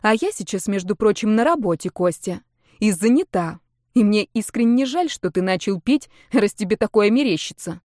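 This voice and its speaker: A woman's voice: mid-range voice, expressive, normal speed, a little mellow, dry recording, clean studio sound, lightly acted. A woman doing a sarcastic cold ex-wife. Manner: sardonic, cutting.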